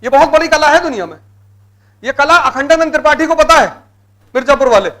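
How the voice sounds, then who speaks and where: A man's voice: very high-pitched, expressive, a little fast, fairly bright tone. A middle-aged man giving a motivational lecture to exam students, exhorting them with blunt commands and repeating key words for emphasis.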